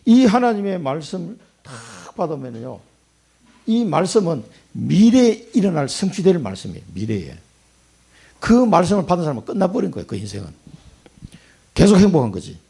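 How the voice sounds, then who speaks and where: A man preaching a sermon in a gravelly, husky voice. His pitch sits a little high and swings widely, rising and falling with emphatic bursts. He speaks as a pastor in a church sanctuary. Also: big pitch swings, normal speed. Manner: emphatic preaching with sudden rises and drops in pitch and loudness.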